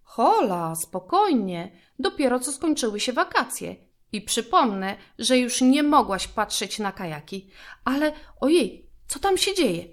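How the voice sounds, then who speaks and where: A woman's voice: fairly high pitch, very animated, unhurried, pitched above the performer's own voice. A woman doing a flustered storybook mother. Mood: fretful. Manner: fretful, exclaiming. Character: flustered mother of two, fussy.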